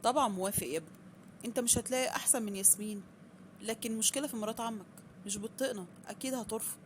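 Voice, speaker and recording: A woman voicing a kindly older father who talks in a warm, resigned, agreeable way. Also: a little high, racing, lightly acted. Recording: noisy background.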